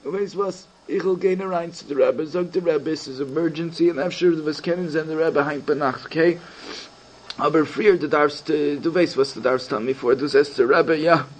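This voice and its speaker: A talkative, fussy secretary full of rambling, teasing questions, as a storyteller puts him on. The voice sits high for a man and stays light and easygoing. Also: normal speed, natural voice. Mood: soothing. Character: chatty, friendly male secretary, fussy and jokey.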